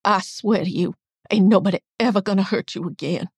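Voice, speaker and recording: A woman's voice: mid-range voice, a little fast, a little mellow, breathy edge, no room sound. A woman reading the part of a tough, protective middle-aged aunt with a blunt, drawling manner. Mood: urgent.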